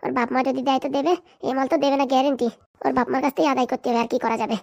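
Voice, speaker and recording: A woman's voice: high voice, steady tone, very fast, creaky. A woman voicing a greedy, scheming mother in a cartoon comedy who scolds and curses. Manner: scolding, foul-mouthed. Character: scheming greedy middle-aged mother, foul-mouthed.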